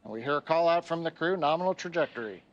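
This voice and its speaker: Higher-voiced man giving launch commentary. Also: lively intonation, fast talker, dull audio. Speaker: launch webcast host. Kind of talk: live technical commentary.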